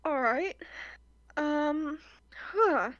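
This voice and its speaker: Young woman, very high voice, teasing, playful, dry close sound. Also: lively intonation, very slow, a bit bright, no echo, dull audio. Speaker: podcast guest. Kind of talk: casual chat.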